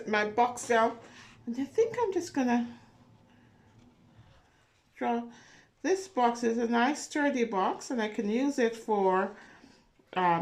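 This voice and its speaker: With a fairly high-pitched voice, a children's story reader and craft host reads a picture book aloud and chats with preschoolers. She speaks right to the small children in a lively, encouraging, sing-song way.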